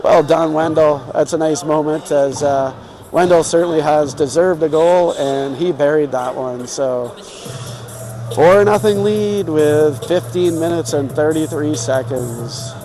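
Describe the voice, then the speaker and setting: A man's voice: fairly high pitch, measured pace, mellow, faint music behind, poor audio. A man giving informal, home-team live play-by-play commentary on youth hockey. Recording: clear rink noise behind.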